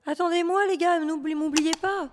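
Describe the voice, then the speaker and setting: A woman's voice: very high voice, fairly even intonation, moderate pace, in a large hall, noisy background, pitched above the performer's own voice. A woman voicing an eager, boastful male Persian cat in a storybook.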